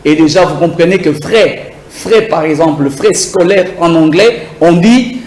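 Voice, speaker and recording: A man teaching a beginner English lesson, drilling words slowly and having viewers repeat after him. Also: fairly high pitch, darkish tone, reverberant, low-quality recording. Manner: slow, repetitive drilling, asks viewers to repeat.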